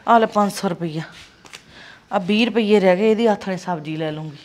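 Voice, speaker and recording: A woman's voice: mid-range voice, a little fast, natural voice. A woman playing a fussing, caring mother. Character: worried caring mother of a grown son.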